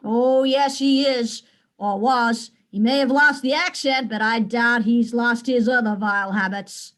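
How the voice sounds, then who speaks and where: A woman's voice: fairly high pitch, fairly even intonation, a little slow, fairly bright tone. A woman playing a brash, scornful busybody. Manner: blunt, scornful, folksy slang. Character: brash forceful American woman traveller, middle-aged. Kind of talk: stage murder-mystery acting. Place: theatre stage.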